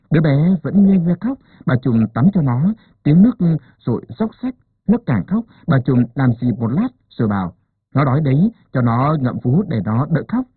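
A man narrating a story as an expressive audiobook reader. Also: on the high side, slightly rough, no echo. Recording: narrow phone-like dry sound.

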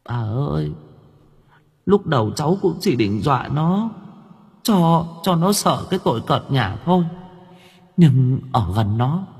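A man's voice: fairly high pitch, wildly swooping pitch, moderate pace, long pauses, husky, big-room sound, pitched above the performer's own voice, exaggerated voice. A man voicing a vengeful young female ghost, whimpering and shrieking in a narrated ghost story. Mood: pleading.

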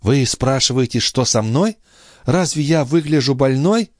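A man reading an audiobook voices a fragile, nervous young woman who talks in breathless, high exclamations. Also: lively intonation, unhurried, a little mellow, no echo, clean studio sound, lightly acted. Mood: agitated, fluttery.

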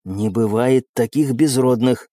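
A man's voice: mid-range voice, big pitch swings, moderate pace, dark tone, no room sound, clean studio sound. A man doing a bitter bruised young baron. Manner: bitter and grumbling.

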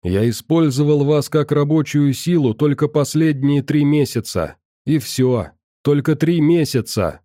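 A man's voice: on the high side, lively intonation, measured pace, few pauses, dark tone, no echo, studio quality, pitched above the performer's own voice. A man voicing an agitated middle-aged male scientist who argues defensively and insists he meant well.

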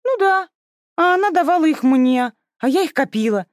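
A woman's voice: animated, normal speed, no room sound, studio quality. A woman voicing a cheeky, petulant sixteen-year-old girl in an audiobook. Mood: cheeky, whiny. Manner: petulant, shrill outbursts.

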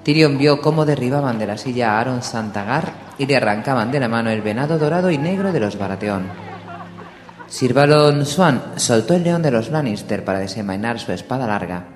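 A man reading an audiobook in a steady, measured storytelling voice. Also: mid-range voice, faint music behind. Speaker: audiobook narrator. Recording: echoey room with long reverb, faint hiss.

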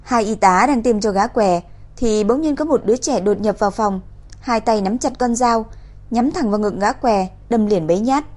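A woman reading a crime novel aloud in an even, steady storytelling voice. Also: fairly high pitch, moderate pace. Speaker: narrator. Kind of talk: audiobook narration.

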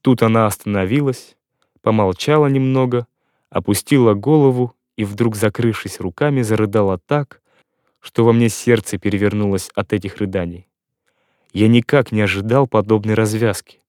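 A man's voice: fairly low pitch, moderate pace, a little mellow, dry recording, clean studio sound. Man narrating a classic audiobook. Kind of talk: classic literary audiobook reading.

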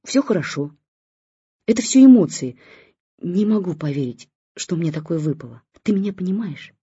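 Doting new father, anxious and cooing, read by the audiobook narrator, mellow tone, husky edge. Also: medium pitch, sing-song, moderate pace, dry recording. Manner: cooing, soft and fussing. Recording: dull lo-fi recording.

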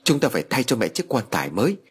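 A man's voice: mid-range voice, wildly swooping pitch, quick pace, slightly rough, exaggerated voice. A man voicing a worried middle-aged son who speaks insistently to his elder brother.

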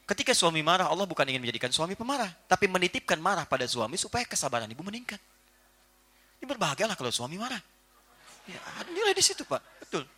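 Animated bright-voiced man preaching. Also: sits high, quick pace. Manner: animated, playful, acts out little household scenes. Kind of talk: religious lecture to a live audience.

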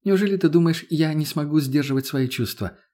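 A man's voice: on the high side, a little fast, dark tone, voice pushed up, lightly acted. A man voicing a sly, persuasive businesswoman of about thirty in an audiobook. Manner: knowing, persuasive.

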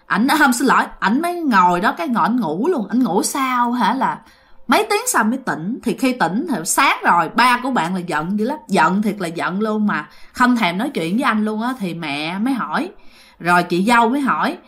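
This is chatty ghost story narration from a woman who speaks directly to her listeners. She has a mid-range, fairly bright voice, sounds very animated, and keeps a normal speed.

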